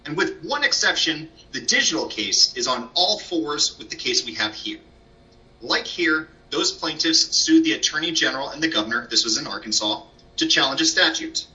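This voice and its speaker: A man argues formally as a lawyer before a court. His voice is very bright and forceful, a little high for a man, picked up dully from a distance. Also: lively intonation, normal speed. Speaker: lawyer, state solicitor general arguing an appeal. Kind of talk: formal oral argument. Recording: dull, distant microphone pickup.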